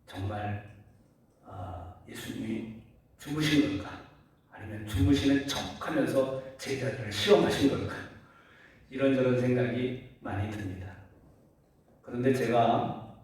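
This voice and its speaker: A man's voice: medium pitch, a little slow, long pauses, a little mellow. A pastor preaching a Sunday sermon, speaking earnestly to his congregation and posing rhetorical questions. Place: church sanctuary. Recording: very echoey hall, voice from far off.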